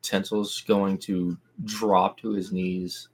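A man playing a tabletop game, slowly describing what his character does. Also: low voice, level tone, husky. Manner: slow, halting narration of actions. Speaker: player.

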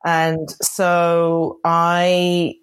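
A woman's voice: on the low side, completely flat delivery, drawn-out words, clean tone, dry recording. A middle-aged woman, telling her story in a rambling, chatty way as a podcast guest. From Croatia. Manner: chatty and rambling, with restarts and laughs. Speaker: guest, hair and makeup designer. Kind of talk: casual interview storytelling.

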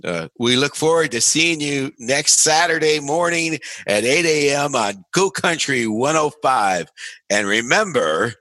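A man's voice: mid-range voice, animated, measured pace, pushed and bright, no room sound. A man co-hosting a radio show in a casual, conversational style.

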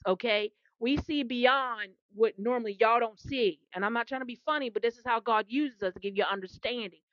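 A woman's voice: fairly high pitch, no room sound, muffled recording. A woman who calls herself a prophetess, preaching with fervent, repetitive energy and call-and-response asides. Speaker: self-described prophetess. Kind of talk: impassioned preaching monologue.

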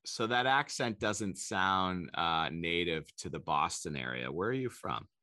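A man hosting a business podcast, reading a measured intro and asking his guest questions. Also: low-pitched, expressive, sharp tone, dry recording, studio quality. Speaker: podcast host.

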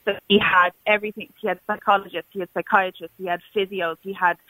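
Woman caller on a phone line to a talk show, earnest and halting, bright tone, crisp dry sound. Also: mid-range voice, little pitch movement, no echo. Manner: earnest, halting, many restarts and fillers. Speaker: radio caller. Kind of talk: call-in debate. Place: calling in by phone, not in the studio.

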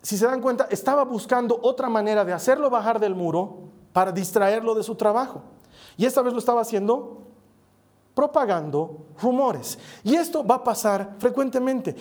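High-voiced man preaching a conversational sermon. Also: a little mellow. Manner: conversational, checks in with listeners by asking "right?".

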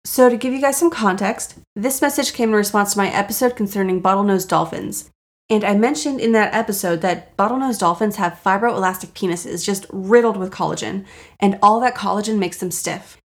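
A woman hosting a casual, jokey solo podcast, self-deprecating and sweary, with a raspy voice, audible vocal fry and a sore throat. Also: mid-range voice, a little fast. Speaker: podcast host.

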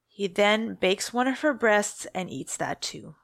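A woman's voice: medium pitch, expressive, unhurried, creaky, fairly bright tone, no room sound, studio quality. A woman co-hosting a podcast, casually recounting a true-crime story and often correcting herself mid-sentence. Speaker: podcast co-host.

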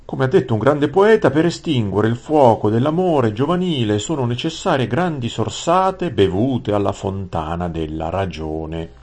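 A man's voice: medium pitch, lively intonation, moderate pace, hardly any pauses, darkish tone, breathy edge, voice pushed up. A man voicing an old, pompous court minister who quotes poetry. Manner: pompous, quoting poets.

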